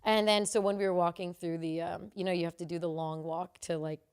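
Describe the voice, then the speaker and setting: A woman co-hosting a podcast, telling a story in a lively way and acting out both sides of an argument. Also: lowish voice, a little fast, clear, resonant tone. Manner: animated, acts out both sides of a quarrel. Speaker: co-host.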